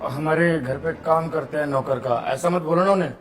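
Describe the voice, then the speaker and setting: A man acting a kind young man who calmly pleads with his girlfriend in a melodramatic skit. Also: on the high side, very noisy, close to an everyday voice. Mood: pleading. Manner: pleading, soothing, talks quickly. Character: gentle, kind young man defending a servant. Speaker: actor in a short skit.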